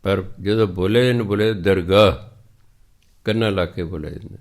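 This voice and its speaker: A man with a Punjabi accent preaching a scripture exposition, explaining verses and chanting them slowly. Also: sits low, steady tone. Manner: slow, chants scripture lines in a drawn-out cadence. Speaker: religious preacher.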